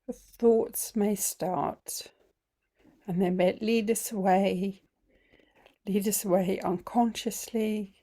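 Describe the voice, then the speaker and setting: A woman leads a guided body scan in an unhurried, gentle way. Her pitch sits in a middling range, and she often pauses on ums. Some phrases drop to a soft whisper. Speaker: breathwork and mindfulness teacher.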